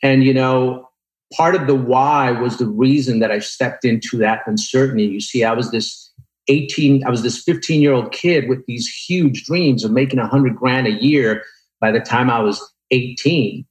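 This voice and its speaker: A man's voice: medium pitch, normal speed. A man in his forties speaking as an interview guest, telling motivational personal stories in an earnest, emphatic, instructive way. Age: 40s. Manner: earnest, emphatic, instructive, with rhetorical check-ins. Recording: roomy, echoing sound.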